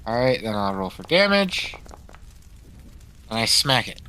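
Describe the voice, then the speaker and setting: A man playing a tabletop game talks in an unhurried, good-natured way, drawing his words out slowly. His voice is very bright and sharp-edged. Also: medium pitch, very animated, slight background noise. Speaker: player. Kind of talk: casual tabletop gaming chat.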